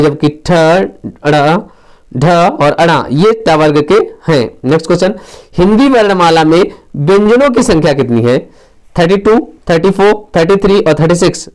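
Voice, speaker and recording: High-voiced Hindi quiz teacher. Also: male voice. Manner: reads options then gives the answer with a short explanation; mixes English quiz phrases into Hindi. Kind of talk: exam quiz lesson.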